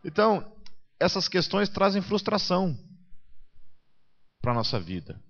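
A man's voice: high voice, sing-song, unhurried, vocal fry, fairly bright tone. A man with a Brazilian accent preaching a conversational sermon. He keeps checking in with his listeners and acts out the people he quotes. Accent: Brazilian Portuguese. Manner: chatty, tags nearly every sentence with a question, acts out quoted people. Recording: muffled event recording.

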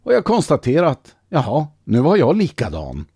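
Wry older man with a lively voice. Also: on the high side, husky, dry recording, studio quality. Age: 60s. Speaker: radio show host. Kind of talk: casual radio show talk.

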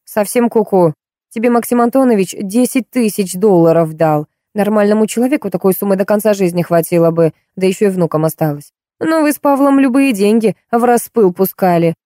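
A woman's voice: mid-range voice, fairly quick, warm tone, no echo, studio quality, voice pushed up, close to an everyday voice. A woman reading an audiobook, voicing a harsh, angry female housekeeper who scolds and snaps. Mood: scolding.

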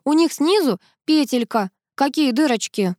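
Whimpering touchy lady guest, read by a woman, high and whiny, dry sound. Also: animated, normal speed, darkish tone, no echo. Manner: whiny, sniffling, pleading. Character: tearful touchy woman guest, doll maker.

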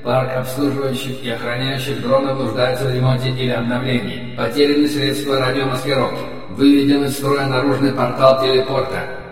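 A man's voice: medium pitch, flat delivery, fairly quick. A man voicing a cold machine base guard that reports formally in clipped phrases, heard as an echoing, distant comms-channel voice. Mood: flat report. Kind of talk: audiobook narration. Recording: echoey hall-like effect, distant, faint music.

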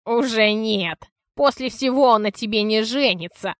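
A woman's voice: on the high side, unhurried, dry recording, studio quality, natural voice. A woman reading an audiobook, voicing an enraged older wife who screams insults. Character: furious older woman, shrill, hot-tempered.

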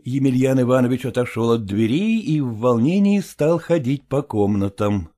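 A man narrating an audiobook in a measured, even way. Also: medium pitch.

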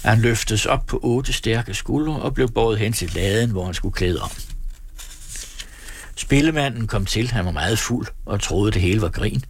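A man narrating an audiobook in a steady storytelling read. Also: on the low side, a little hiss or hum. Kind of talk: scripted narration.

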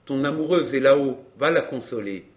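A man's voice: medium pitch, normal speed, natural voice. A man reading a wry, easygoing rogue. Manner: wry, offhand. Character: breezy, wry rogue friend.

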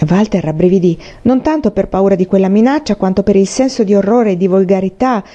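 A woman reading a novel aloud as an audiobook narrator, in a steady storytelling manner. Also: mid-range voice, a little fast. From Italy. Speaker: audiobook reader. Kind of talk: scripted narration. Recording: dull lo-fi recording.

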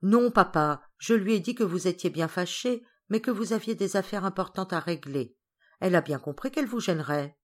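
A woman voicing an excitable, somewhat spoiled young boy in an audiobook, raising her voice. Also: fairly low pitch, normal speed. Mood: eager.

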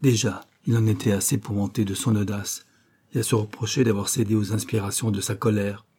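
A man narrating a classic novel as an audiobook, in a measured, even storytelling voice. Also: fairly low pitch, husky. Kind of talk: scripted literary narration.

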